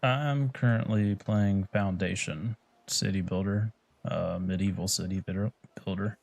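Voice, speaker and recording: A man's voice: low-pitched, steady tone, measured pace, creaky, a little mellow, dry recording. A man chatting casually while streaming a city-building game, laid-back and swearing offhand.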